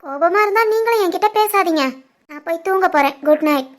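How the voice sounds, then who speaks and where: A woman voicing a proud, hurt young village wife in an animated family story, with a Tirunelveli Tamil accent, talking in a reproachful, tearful way. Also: very high-pitched, brisk. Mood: cold. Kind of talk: animated family drama voice acting.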